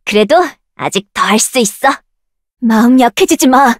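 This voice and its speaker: A woman voicing a proud, confident young female researcher in a game, delivering self-assured lines and commanding skill shouts. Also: on the high side, moderate pace, no echo, studio quality, natural voice. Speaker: voice actress for a game character.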